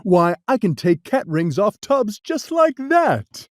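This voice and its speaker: A reader voicing a boastful male cat in a hat, booming and jolly, in a storybook reading. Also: big pitch swings, slow pace, no room sound, studio quality. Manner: booming, jolly, laughing, show-off. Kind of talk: storybook read-aloud.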